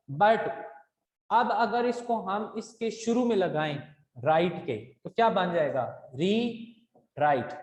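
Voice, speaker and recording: A teacher with a Pakistani accent giving an English grammar lesson to children, speaking slowly and deliberately, spelling words letter by letter and checking in often. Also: medium pitch, darkish tone. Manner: switches between Urdu and English reading of textbook lines. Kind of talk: recorded class lesson for children. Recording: echoey hall with long reverb.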